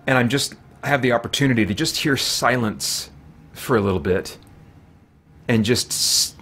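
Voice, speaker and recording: A middle-aged man streams from a small home office, chatting and thinking aloud through casual live gameplay commentary. His voice sits in the mid range with a slightly bright tone, and game music plays in the background.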